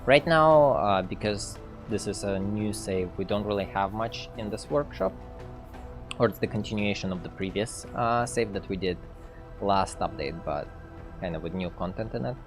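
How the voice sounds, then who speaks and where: A man's voice: lowish voice, animated, normal speed, over music. A man, a game developer, casually commenting on a livestream as he plays, thinking aloud with fillers and reading game text. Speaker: game developer streaming gameplay.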